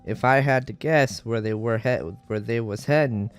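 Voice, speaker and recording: A man's voice: mid-range voice, moderate pace, close to an everyday voice. A man reading as a blunt, folksy older man. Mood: gruff. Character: gruff, chatty older man who speaks bluntly. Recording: faint game music behind.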